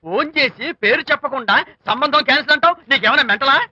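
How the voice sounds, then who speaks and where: A man's voice: very high-pitched, quick pace, bright, forceful tone, no room sound, heavily acted. An actor playing a touchy middle-aged father of a bride, prickly and indignant. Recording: dull old film audio.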